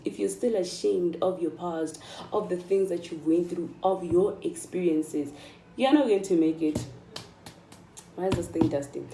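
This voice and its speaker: A warm, gravelly, lowish voice belongs to this South African woman in her mid-twenties, a vlogger offering her viewers laid-back but forceful motivation. She repeats phrases for emphasis. The sound is echoey, captured by a microphone set well away from her.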